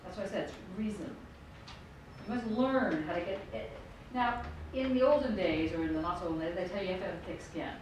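Her lowish, darkish voice moves a little fast as this middle-aged professor from the United States lectures in a wry, conversational tone, circling back to what she's said. The audio comes from a room mic far away in an echoey lecture room, with background noise.

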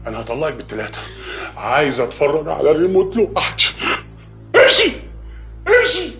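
A man's voice: a little high, wildly swooping pitch, a little fast, fairly bright tone, soft background music, exaggerated voice. An actor playing a whiny, childish mama's boy in broad TV sketch comedy. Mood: petulant.

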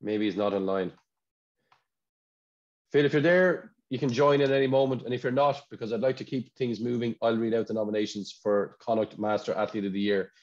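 This Irish man speaks at a medium pitch and a brisk pace as he hosts an awards ceremony by video call. He's chatty and tends to repeat words when hunting for the right one, and the call audio sounds dull and lo-fi.

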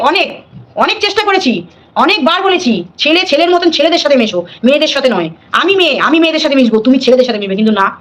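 A middle-aged woman on a live stream, talking at a rapid clip in a high voice. She scolds defiantly and drives her points home by saying them again and again. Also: a bit bright.

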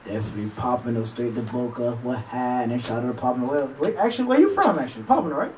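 A man hosting a radio interview show, keeping things going with upbeat shout-outs and repeated affirmations. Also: medium pitch, animated, fast, far from the mic, slight background noise, poor audio. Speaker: radio DJ host. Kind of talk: casual interview chat. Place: small radio studio. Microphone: studio boom mic.

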